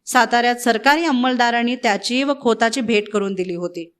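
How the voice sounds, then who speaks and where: A woman narrating a novel as an audiobook, in measured literary storytelling. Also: on the high side, a bit bright. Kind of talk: scripted narration.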